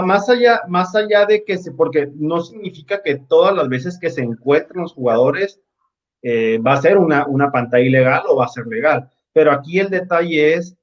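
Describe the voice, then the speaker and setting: Man, referee explaining rules, steady explanatory tone, muffled video-call audio. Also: fairly high pitch. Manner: explanatory, with fillers and restarts. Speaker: basketball referee panelist. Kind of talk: explaining game rules in a webinar.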